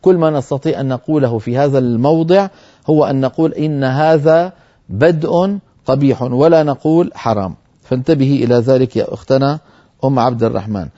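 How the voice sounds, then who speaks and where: A man teaching Quran recitation on a TV program, answering viewer questions firmly and reciting verses slowly to demonstrate. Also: mid-range voice, mellow, lo-fi sound.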